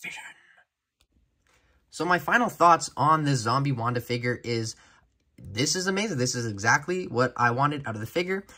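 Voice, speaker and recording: A man reviewing an action figure in a casual, chatty vlog, enthusiastic and filling pauses with "uh". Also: medium pitch, animated, pushed and bright. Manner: chatty and enthusiastic, frequent "uh" fillers.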